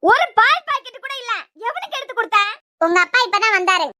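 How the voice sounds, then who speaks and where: Someone doing a super high squeaky cartoon wife, kanyakumari tamil accent, always scolding. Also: expressive, fairly quick, exaggerated voice. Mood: sharp. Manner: scolding, sharp retorts. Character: quarrelsome housewife of a joint family. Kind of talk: cartoon web series dialogue.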